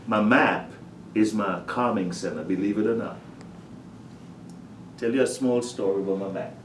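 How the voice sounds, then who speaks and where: A middle-aged man from Trinidad, a high school principal, telling lively stories about his students in a casual interview. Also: moderate pace, slight background noise. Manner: animated storyteller, acts out his talks with students. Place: school office. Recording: echoey room, distant mic.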